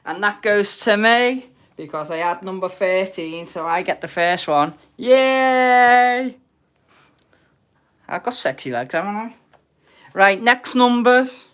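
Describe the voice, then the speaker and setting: A woman's voice: medium pitch, animated, unhurried, a bit bright. A British woman hosting an online game in casual chat, with cheeky, informal banter as she calls out players and numbers. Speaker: host of an online bingo game.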